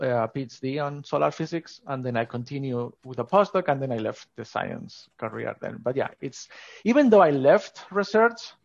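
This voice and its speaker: A man's voice: mid-range voice, expressive, normal speed, creaky, muffled recording. A man from northern Spain with a Spanish accent, talking enthusiastically and informally as a guest in a conversational interview. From Asturias, northern Spain. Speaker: podcast guest, scientist.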